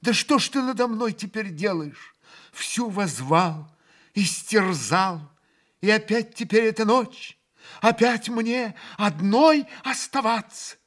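A man's voice: high voice, slow pace, a bit bright, pitched above the performer's own voice. A man reading an audiobook, voicing a proud, passionate young woman who swings into hysterical outbursts. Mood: anguished pleading. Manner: fierce, sobbing outbursts.

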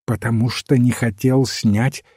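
A man voicing a mild, thoughtful old priest-detective who calmly reasons a case through, in a storybook reading. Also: medium pitch, a little slow, husky, no echo, clean studio sound. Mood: explaining. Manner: calm, reasoning, gently explaining. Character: mild, thoughtful elderly male priest-sleuth.

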